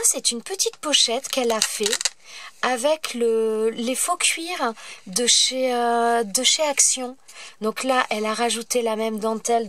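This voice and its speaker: A woman's voice: on the high side, fairly bright tone, no echo. A woman who hosts a craft channel, with a stuffy nose from a cold, chatting casually as she opens her mail and breaks into delighted exclamations. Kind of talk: casual mail-opening vlog.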